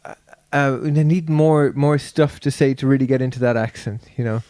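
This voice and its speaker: A man's voice: mid-range voice, fairly quick, mellow, no echo. A man hosting a casual podcast chat, often restarting and hesitating. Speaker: podcast host.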